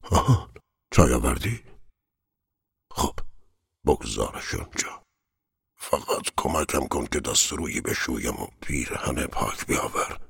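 A man's voice: extremely low pitch, big pitch swings, vocal fry, long pauses, fairly bright tone, slightly rough, heavily acted. A man voicing a dying middle-aged man in pain, whispering his inner thoughts and giving curt, weary replies.

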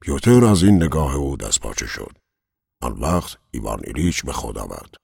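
A man narrating a novel in a measured, solemn way. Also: extremely low pitch, very animated, creaky, darkish tone, husky, no room sound, studio quality. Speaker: audiobook narrator.

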